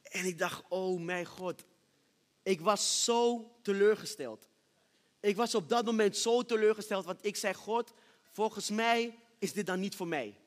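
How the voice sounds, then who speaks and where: A man preaching a sermon testimony on a church stage, moving from hushed storytelling to loud, shouted praise. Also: sits high, a little slow. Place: church stage with reverberant hall. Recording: long hall reverb.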